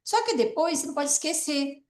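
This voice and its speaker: High-voiced woman teacher, roomy sound. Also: lively intonation, brisk. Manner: explanatory, checks in with tags like tá and né. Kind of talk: online class lecture.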